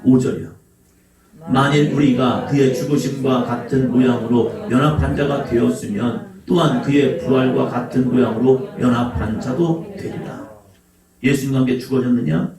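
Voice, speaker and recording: A man's voice: medium pitch, warm tone. A man preaching a Sunday sermon as pastor, who acts out God calling people by name with a raised voice. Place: church sanctuary. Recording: roomy church sound from a distance.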